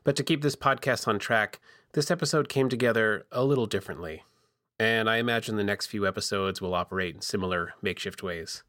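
A man's voice: fairly low pitch, brisk, bright, forceful tone, studio quality. A man hosting a podcast, reading scripted narration from a makeshift booth in a home basement with some basement echo. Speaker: podcast host.

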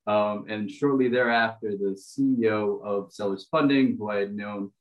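Heard through dull audio, this man's voice sits on the low side and moves at a moderate pace. He's a finance executive from Brazil, in his thirties with an American accent, relaxed and filling his casual podcast interview answers with lots of ums and uhs.

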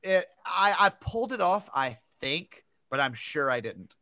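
Male podcast co-host from Tennessee: bright, very animated pitch, teasing and jokey. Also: a little slow, no echo, clean studio sound. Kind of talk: casual chat.

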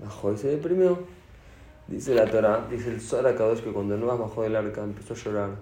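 A man with an Argentine accent giving a sermon as a rabbi, animated and asking his audience questions. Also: on the low side, fairly quick. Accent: Argentine Spanish. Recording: echoey room.

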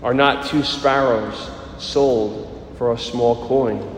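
A priest reading the Gospel and preaching a sermon at a measured pace, slowing down for emphasis, with echoing church acoustics. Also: male voice, mid-range voice, steady tone, a little hiss or hum. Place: large church. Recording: echoey church with long reverb.

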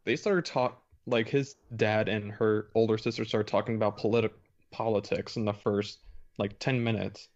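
A man co-hosting a casual film review podcast, recapping the plot in rambling, halting sentences. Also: on the low side, little pitch movement, a little mellow. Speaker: podcast co-host. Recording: dull lo-fi mic.

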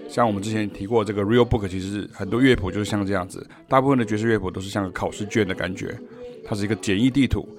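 A man's voice: on the low side, fast, a crowd in the background. A man from Taiwan with a Taiwanese Mandarin accent, giving a podcast music lesson as a jazz teacher and explaining points with sung rhythm syllables.

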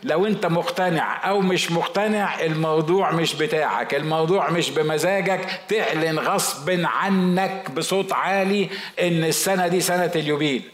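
A man's voice: a little high, moderate pace, a bit bright, reverberant. A man with an Egyptian Arabic accent preaching a sermon as pastor, talking conversationally and acting out the objections of his listeners.

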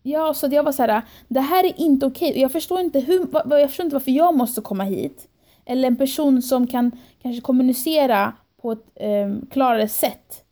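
A young woman tells a story as a podcast guest, her voice mellow and a touch high. She acts out what she and others said in the moment and slips English phrases into her talk. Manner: animated storytelling, quoting herself and others. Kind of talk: casual podcast chat.

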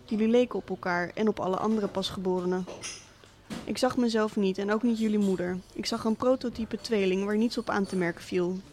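A woman's voice: mid-range voice, fairly even intonation, brisk, darkish tone, a little hiss or hum, close to an everyday voice. A woman reading as a sardonic absent tycoon father. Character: cynical rich middle-aged father, absent tycoon. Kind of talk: literary monologue reading.

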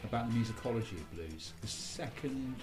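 A man's voice: mid-range voice, lively intonation, fairly quick, music in the background. A man hosting a podcast, giving discursive, casual commentary on culture in a musing way. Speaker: podcast host.

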